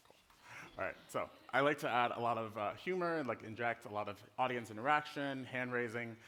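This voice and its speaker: A middle-aged design director from the Netherlands, speaking with an American accent, gives a casual, playful, conversational talk on a conference stage in a hall. His mid-range voice is a little fast and sharp-toned. The hall is reverberant, with slight background noise.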